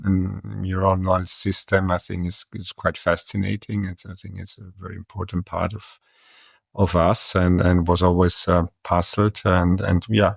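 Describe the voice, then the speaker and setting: A middle-aged Austrian neurologist with an Austrian German accent answers interview questions as a guest, hesitantly, with many restarts and fillers. His voice is low and creaky, recorded in clean studio sound with no echo.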